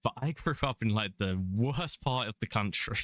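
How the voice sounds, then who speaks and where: A fairly low-pitched, expressive voice at normal speed, with a fairly bright tone. The speaker is a young Englishman in his twenties with a London accent, giving casual, rambling live-stream commentary with chuckles during a game. The recording is dry.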